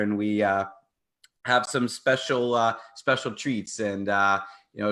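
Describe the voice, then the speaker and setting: A man's voice: fairly low pitch, fairly bright tone. Upbeat man hosting a legal radio show. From United States. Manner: upbeat promotional patter. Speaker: host, personal injury attorney. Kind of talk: live radio talk show.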